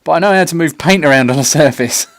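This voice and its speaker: A man's voice: a little high, fast talker, fairly bright tone, no echo, studio quality. A man chatting casually on a live stream as he paints a pinball cabinet, self-mocking and sometimes dropping to a near-whisper while he concentrates. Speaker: maker streaming a pinball build. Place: home workshop. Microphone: separate desk mic, not on camera.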